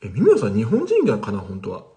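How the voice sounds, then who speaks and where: A man's voice: on the low side, huge pitch swings, a little fast, dark tone. A man teaching casually on a livestream, chatting with viewers and replying to their comments. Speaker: language teacher streaming live.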